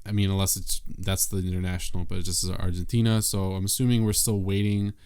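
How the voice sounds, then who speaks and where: A man's voice: low-pitched, flat delivery, fast talker, a little mellow, clear, resonant tone. A man co-hosting a horror film podcast in a casual, laid-back way, laughing often and swearing offhandedly. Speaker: podcast co-host.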